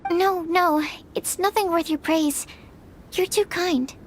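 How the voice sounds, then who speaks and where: High-voiced, timid young researcher Sucrose. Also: female voice, fairly even intonation, takes it slowly, slight background noise, heavily acted. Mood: timid, earnest. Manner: timid, polite, stammering when flustered. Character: shy, earnest, bookish young female researcher. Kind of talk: English anime game dub.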